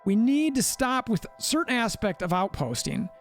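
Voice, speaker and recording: A man narrates his own gameplay footage in a high, lively voice that swings up and down as he gets exasperated. He keeps repeating himself for emphasis. Soft music plays underneath. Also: normal speed. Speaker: gaming channel host. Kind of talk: gameplay commentary.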